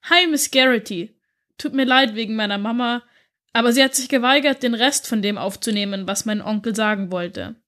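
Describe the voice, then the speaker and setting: A woman doing a tearful teenage schoolgirl, high and pleading. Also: moderate pace, fairly bright tone, lightly acted. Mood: earnest.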